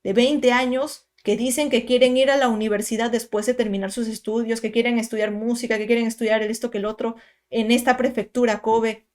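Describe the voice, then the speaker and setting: A woman's voice: on the high side, darkish tone. A woman, telling a personal story to her viewers in a chatty, emphatic way, full of asides and tag questions. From Peru. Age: 20s. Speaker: content creator. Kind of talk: casual storytime monologue.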